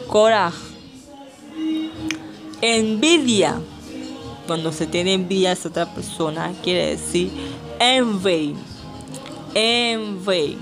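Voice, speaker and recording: Slow, deliberate woman teacher. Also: on the low side. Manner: slow, deliberate, has students repeat words. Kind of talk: language lesson drilling vocabulary.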